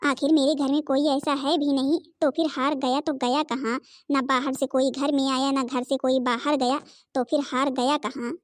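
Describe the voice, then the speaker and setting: Woman doing a calm village mother-in-law. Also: high-pitched, normal speed, no room sound, clean studio sound, natural voice. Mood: concerned. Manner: soothing, reasoning.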